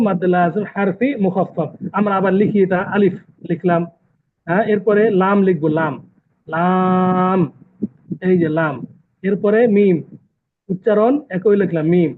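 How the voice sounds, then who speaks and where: A man teaching Quran recitation rules in an online lesson, patiently repeating terms and quizzing his students. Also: sits high. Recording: tinny phone-like call audio.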